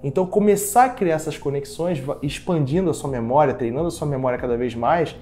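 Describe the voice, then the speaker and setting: Um jovem brasileiro com sotaque brasileiro, apresentando um vídeo explicativo e falando direto com o espectador, em tom de conversa. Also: male voice, fairly high pitch, fast, mellow. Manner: conversational, speaks directly to viewer. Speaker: educational video host. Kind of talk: explanatory video talk.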